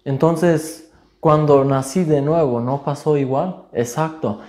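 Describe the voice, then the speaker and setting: A male preacher giving a sermon in a deliberate way, rising to emphatic points. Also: a little high, dark tone. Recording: roomy echo.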